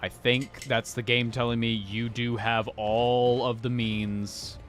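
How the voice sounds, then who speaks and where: A man giving casual gameplay commentary, thinking aloud excitably and reading game text. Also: mid-range voice, slow. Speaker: game streamer. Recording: music behind.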